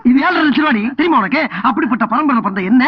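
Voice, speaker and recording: A man's voice: very high voice, animated, fast talker, heavy background noise. A blustering village headman. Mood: indignant. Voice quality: blustering, indignant. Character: boastful, hot-tempered village headman husband. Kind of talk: film comedy acting. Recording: dull lo-fi film soundtrack.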